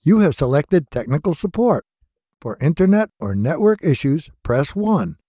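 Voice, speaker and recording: A man voicing scripted, polite phone system prompts in a measured, even way. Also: on the high side, slightly rough, no room sound, studio quality. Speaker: phone menu voice-over artist.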